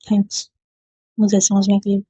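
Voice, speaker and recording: A woman's voice: mid-range voice, completely flat delivery, normal speed, dark tone, breathy edge, no room sound. Veda, a woman reading as a playful young lover. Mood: tender. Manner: teasing, tender. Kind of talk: storybook dialogue read aloud.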